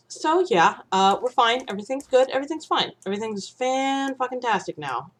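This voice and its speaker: Her voice is a little high and expressive, moving at a moderate pace over a faint hiss or hum. She's a young Midwestern woman in casual stream chat over a game, rambling, swearing a lot and bursting into sudden panic.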